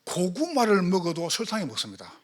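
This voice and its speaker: In a church sanctuary, a male pastor with a Gyeongsang Korean accent preaches a sermon, firing rhetorical questions at the congregation. His high-sitting voice swoops wildly in pitch, and he speaks a little fast.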